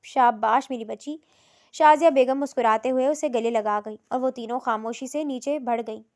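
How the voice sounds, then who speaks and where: A woman narrating a romantic novel in a steady, scripted storytelling read. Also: high voice.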